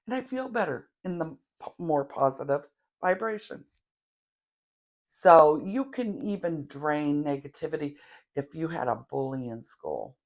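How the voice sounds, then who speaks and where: A middle-aged woman leading a grounding meditation in a slow, chatty way, with self-deprecating asides and the odd cough. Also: low voice, animated. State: coughing now and then. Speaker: tarot reader leading a guided meditation.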